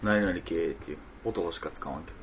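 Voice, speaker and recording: 関西弁で語る低めの声の男性、雑音まじりの録音. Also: male voice, low-pitched, brisk, highs cut off, heavy background noise. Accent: Kansai Japanese. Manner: animated, joking, lots of sound effects. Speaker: radio show co-host. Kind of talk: casual chat. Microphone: home recording mic.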